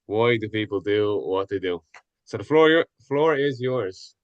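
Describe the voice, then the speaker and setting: A man hosting a podcast, opening the show in an upbeat, quick way and thanking his guest. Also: on the low side, expressive, dry recording, dull audio. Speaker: podcast host. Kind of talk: casual podcast intro.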